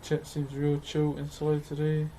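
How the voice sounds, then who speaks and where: A noisy background surrounds this casual livestream, where a New Zealand man with a broad accent carves and talks matily with his viewers. His voice is on the high side and mellow, delivered in a monotone at a measured pace.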